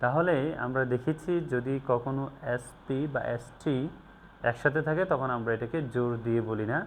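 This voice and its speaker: A man teaching English pronunciation, drilling sounds and words slowly and deliberately in a lesson. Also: mid-range voice, slight background noise, rough recording.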